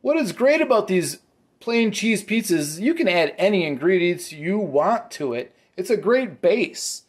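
Man, 40s, casual home pizza review host, relaxed chatty manner, ums and likes, roomy echoey home recording. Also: high-pitched, measured pace. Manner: easygoing, talks to his son, many ums and likes. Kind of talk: casual food review chat. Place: home dining table, indoors.

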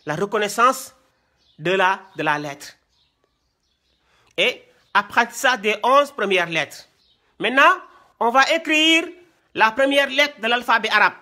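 A teacher from Senegal with a strikingly high, bright voice. He speaks very slowly and repeats each point, often checking in with his class. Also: lively intonation. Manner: slow and repetitive, often checks with "hein?". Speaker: Quran teacher. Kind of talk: classroom lesson.

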